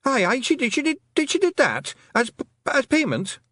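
A man's voice: wildly swooping pitch, normal speed, pushed and bright, dry recording, studio quality, exaggerated voice. A man voicing a sly, frantic little male pixie chieftain who shrieks and gabbles in a Scottish accent. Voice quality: shrill, gabbling.

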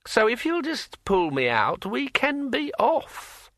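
A domineering magic sword speaks in a high, ringing voice that draws every word out slowly, as a man acts it. The delivery is bright and lively, with a dry, close sound. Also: no room sound, full character voice. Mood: bossy. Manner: slow and drawn out. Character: pushy talking magic sword, male, bossy.

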